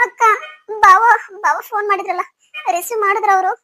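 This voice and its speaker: A woman's voice: extremely high pitch, steady tone, brisk, bright, forceful tone, no room sound, studio quality. [name], a woman voicing a fretful pregnant young wife. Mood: worried, tearful. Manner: tearful and pleading. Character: anxious pregnant young wife waiting for her husband. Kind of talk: cartoon story voice acting.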